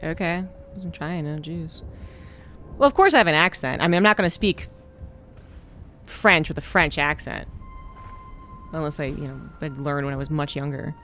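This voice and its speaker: A man streaming a game chats casually in a voice on the high side, at a moderate pace with long pauses. He rambles in a relaxed way with lots of fillers while faint music plays behind.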